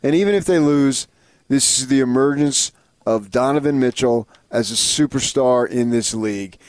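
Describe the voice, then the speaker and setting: A man's voice: medium pitch, moderate pace, darkish tone, no room sound. Emphatic male sports radio co-host. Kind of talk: conversational sports talk commentary.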